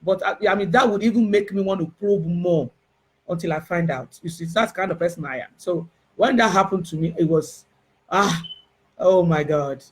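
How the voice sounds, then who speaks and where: A woman with a Nigerian Yoruba accent telling a personal spiritual testimony in an emotional, halting way, full of restarts and fillers. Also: on the low side, a little hiss or hum. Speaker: spiritual herbalist.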